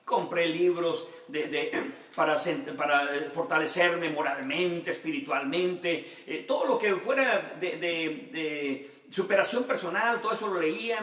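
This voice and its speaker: A man's voice: high-pitched, a bit bright, echoey room. A man, a pastor giving a sermon with his own testimony, earnest and repeating phrases for emphasis. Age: 50s.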